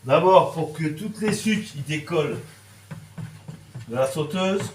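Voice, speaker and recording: A man's voice: a little high, expressive, takes it slowly. A man from France giving a casual cooking demonstration in a kitchen, chatty and full of little verbal tics and sound effects. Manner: chatty, lots of "hein" and "voilà", sound effects. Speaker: cooking teacher. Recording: echoey kitchen, sizzling pan. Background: frying and sizzling.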